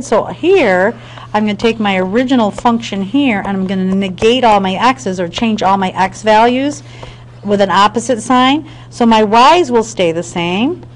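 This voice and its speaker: A woman's voice: mid-range voice, a little hiss or hum, low-quality recording. Woman math teacher, patient and methodical, speaks straight to her students, mid-range voice. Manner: patient step-by-step explaining with frequent check-ins; talks to students directly. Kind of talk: screen-recorded math lesson.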